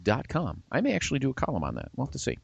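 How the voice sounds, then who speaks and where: A man's voice: mid-range voice, very fast, creaky, dull audio, a little hiss or hum. A man hosting a casual pop culture podcast, talking with enthusiasm and plugging comics and TV shows. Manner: animated, enthusiastic, plugs shows. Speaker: podcast host.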